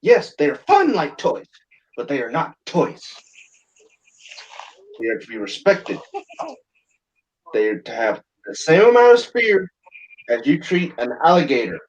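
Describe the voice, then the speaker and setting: A man's voice: on the high side, very animated, a little slow, long pauses. A man hosting a livestream, chatting in a rambling, blunt and crude joking way. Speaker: livestream host. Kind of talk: rambling casual chat. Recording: dull lo-fi sound.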